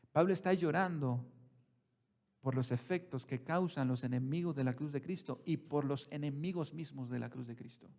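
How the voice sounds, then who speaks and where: A pastor preaching with a high-pitched male voice. He puts questions to his congregation and calls them brothers. He drops to slow, quiet lines, then rises loud and high. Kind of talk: sermon.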